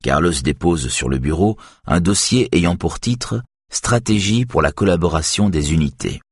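A man reading an audiobook in scripted narration, even and measured. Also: sits low, breathy edge, no echo, studio quality.

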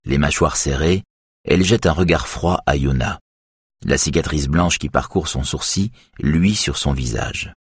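Deep husky male audiobook narrator. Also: a little slow, no room sound, studio quality. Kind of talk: scripted narration.

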